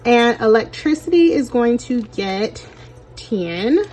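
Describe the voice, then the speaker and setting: A woman's voice: fairly high pitch, expressive, slow, darkish tone, faint music behind. A young woman chatting casually to her viewers as she stuffs cash envelopes, a little short of breath from pregnancy and often calling out to "you guys". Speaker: budgeting vlogger.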